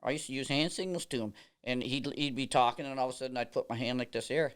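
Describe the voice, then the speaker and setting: Quick-paced and clean in tone, this man's medium-pitched voice carries his stories as a guest on a casual podcast. He's a baseball umpire who recounts anecdotes animatedly, laughing along and dropping plenty of fillers.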